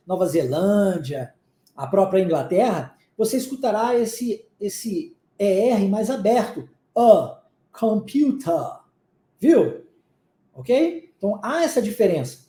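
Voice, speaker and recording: A man's voice: sits high, expressive, measured pace, dark tone, reverberant. A man from Minas Gerais with a Minas Gerais Brazilian Portuguese accent, an English teacher giving a recorded online lesson and checking in often with short questions.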